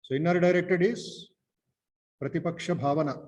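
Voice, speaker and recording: A South Indian man speaks as a monk leading an informal spiritual class. His voice sits a little high for a man. He talks in short, halting phrases and often repeats a word to stress it. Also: steady tone, darkish tone.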